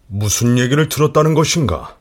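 A man's voice: medium pitch, expressive, darkish tone, lightly acted. Grave, authoritative Joseon king played by a man. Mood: questioning. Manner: slow-weighing, authoritative royal speech. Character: grave, deliberate Joseon king, commanding his ministers. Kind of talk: historical radio drama acting.

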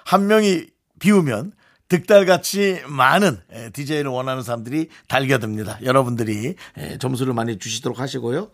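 A man's voice: mid-range voice, fairly quick. A man hosting a radio show in a studio, chatting casually with a guest in a playful, teasing way and laughing often.

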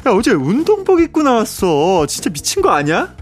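A man's voice: high-pitched, wildly swooping pitch, moderate pace, faint music behind, voice pushed up. A man voicing a chatty, complaining woman friend, who gossips and vents in an exasperated, whiny way. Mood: indignant.

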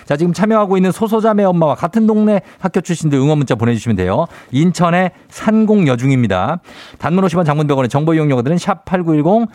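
A man's voice: fairly high pitch, lively intonation, fast talker, a little mellow, no echo. A man hosting a radio call-in quiz segment, bantering playfully with a caller and reading out questions.

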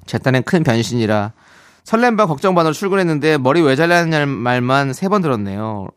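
A man in his forties hosting a radio show, chatting casually, quick to defend himself with mock indignation. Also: medium pitch, lively intonation, smooth. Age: 40s. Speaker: radio host.

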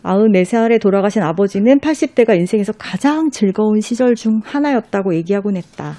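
Mellow-voiced woman recommending books. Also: medium pitch, animated, no echo. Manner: reads passages aloud slowly. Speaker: book recommender guest. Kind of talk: casual talk about books.

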